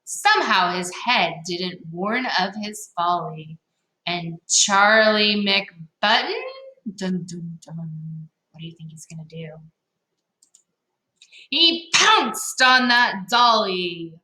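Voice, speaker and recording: In a roomy, echoing space, a woman reads a children's story with drama and playfulness, breaking off for chatty asides to her audience. Her voice is mid-range, expressive, and sharp in tone, and she takes a slow pace.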